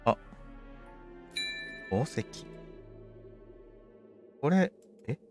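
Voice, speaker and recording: A man's voice: medium pitch, sing-song, extremely slow, creaky, warm tone, soft background music. A man commentating on a game for a livestream, politely musing aloud to himself in casual chat. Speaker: game streamer.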